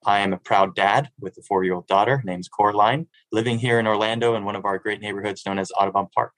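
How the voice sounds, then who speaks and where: A man in his thirties from Miami, Florida, who serves as a city sustainability director, answers interview questions earnestly and fluently, with small restarts. His lowish, steady, fairly bright voice comes quickly, and though there's no echo, the recording quality is low.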